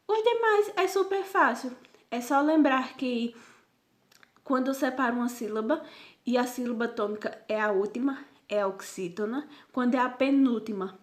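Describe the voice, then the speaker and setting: A woman teacher giving a recorded grammar lesson to her students, patient and repetitive, checking in with "certo?" after nearly every point and sounding out syllables slowly. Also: high-pitched. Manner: patient, repeats "certo?" often.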